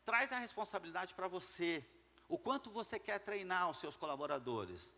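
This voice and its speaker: Man, motivational speaker, emphatic and repetitive, slightly high voice, long hall reverb. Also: sing-song, normal speed, sharp tone. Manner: emphatic, repeats key words, asks the audience questions. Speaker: business speaker addressing entrepreneurs. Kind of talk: motivational talk to a live audience.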